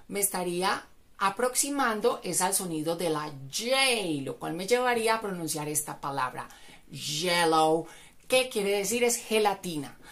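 A woman with Spanish as her first language, teaching English pronunciation and repeating each word slowly for practice. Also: fairly low pitch, a bit bright. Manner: repeats words slowly for drilling. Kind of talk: pronunciation lesson.

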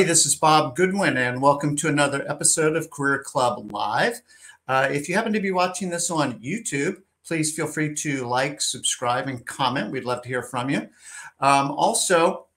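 A friendly man in his fifties hosts an interview over a webcam from his home office. His voice sits a touch high for a man, and he talks in an upbeat, chatty way with small fillers. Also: a bit bright. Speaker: host. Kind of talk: video call interview. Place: home office with a wooden door. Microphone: webcam on a video call.

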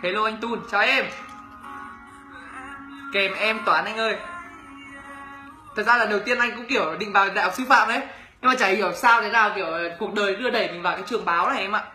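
A man's voice: sits high, fast, long pauses, pushed and bright, echoey room, faint music behind. A young man from northern Vietnam with a Northern Vietnamese accent, chatting casually on a livestream, reading viewers' comments aloud and teasing them as he answers. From Bac Ninh, northern Vietnam. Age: young adult. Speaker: YouTuber answering viewer questions.

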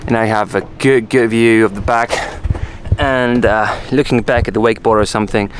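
On an open motorboat out on the water, a man shows off his own boat in an informal walkthrough, explaining casually and correcting himself along the way. His voice is lowish, steady and brisk, with outdoor ambient noise from the boat around him.

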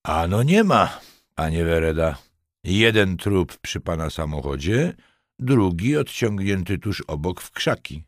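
A man's voice: low-pitched, lively intonation, moderate pace, no echo, studio quality, pitched above the performer's own voice. A man reading the part of a stern, sardonic police lieutenant who gives curt orders. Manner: curt, mocking, commanding.

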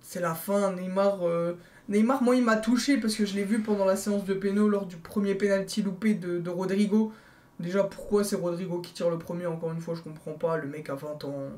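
A young man recapping a football match in casual chat, animated, repeating phrases for emphasis and calling viewers guys, filmed on a webcam in his bedroom. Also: high voice. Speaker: football video creator. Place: bedroom, indoors, small.

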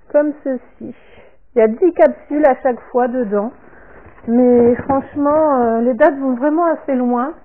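A woman vlogger showing a product order in casual talk, halting and trailing off softly after each item. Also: high-pitched. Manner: slow and halting, repeats "comme ceci" and "voilà", trails off softly. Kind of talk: casual unboxing talk to camera. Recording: tinny phone-like sound.

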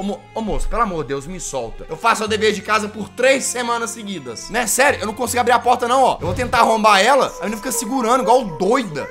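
A man from Brazil narrates his own horror game run in rapid, jokey bursts. His voice sits high and bright and swings wildly in pitch, and he shouts whenever he is startled. Faint music plays behind him. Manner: excitable, jokey, shouts when scared. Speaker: gaming YouTuber. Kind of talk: let's play commentary.

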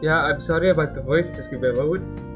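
Young guy reading a visual novel out loud, rambly side comments, bit high voice, guitar music behind. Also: fast talker. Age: young adult. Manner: rambling, self-interrupting. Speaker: gaming channel host. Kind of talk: casual let's-play reading and commentary.

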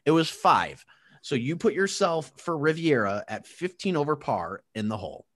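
A man's voice: fairly high pitch, very animated, moderate pace, fairly bright tone. Laughing man reading golf standings. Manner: reads out standings, laughing often. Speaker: podcast co-host tallying the picks. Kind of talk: casual chat among friends.

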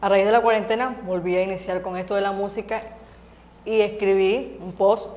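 A woman's voice: mid-range voice, steady tone, moderate pace, in a large hall, highs cut off. A young Venezuelan woman singer chatting casually as an interview guest, laughing often and talking through lots of fillers. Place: TV studio set.

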